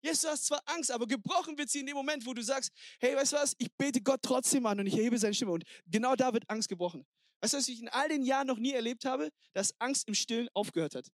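High-voiced, energetic pastor preaching. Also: male voice, fast talker, no echo, studio quality. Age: adult, married. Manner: energetic, exhorting, sprinkles English words. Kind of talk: sermon.

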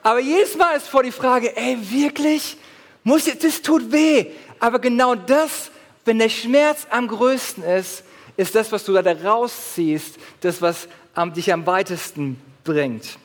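Pastor, male, high voice, delivering an animated sermon in a church hall with a long reverb. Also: measured pace. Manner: animated preaching with acted-out gym anecdotes.

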